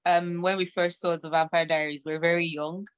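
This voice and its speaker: A young adult woman co-hosting a casual podcast chat, speaking in a relaxed, slangy way. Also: fairly low pitch, brisk, clear, resonant tone, highs cut off. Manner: laid-back, slangy, laughing easily.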